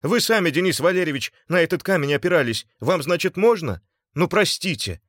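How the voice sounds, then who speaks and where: A man's voice: fairly high pitch, expressive, moderate pace, no room sound, pitched above the performer's own voice, lightly acted. A man puts on a guilty young man with a raised, whiny voice that squeals in self-defense. He pleads and makes excuses. The audiobook sound is close and dry. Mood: pleading. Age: young adult.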